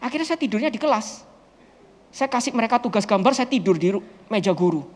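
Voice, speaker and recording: Animated preacher, high voice, hall echo. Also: male voice, fast talker. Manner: animated, acts out quotes, chatty slang. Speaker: evangelist answering questions. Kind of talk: lively Q&A talk with storytelling. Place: church fellowship hall. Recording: long hall reverb.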